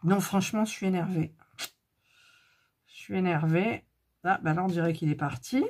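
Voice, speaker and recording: A woman's voice: on the low side, moderate pace, a little mellow, a little hiss or hum. A middle-aged woman doing a casual hands-on craft demo, grumbling and talking to herself as she works, filmed up close on a phone. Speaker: craft video host.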